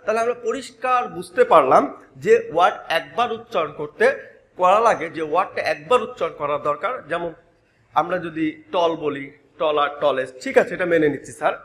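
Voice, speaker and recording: A man's voice: fairly high pitch, fairly quick, fairly bright tone. A man teaching an English grammar lesson, spelling out words letter by letter and repeating key terms while talking directly to his students. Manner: addresses students directly, prompting attention. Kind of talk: classroom-style grammar lesson.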